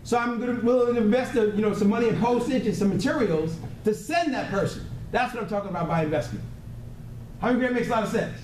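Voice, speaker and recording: A fast-talking man with a high but darkish voice leads a motivational sales training seminar for a live group indoors. Blunt and emphatic, he repeats key words and regularly checks in with listeners, while the distant mic captures an echoey room and faint noise.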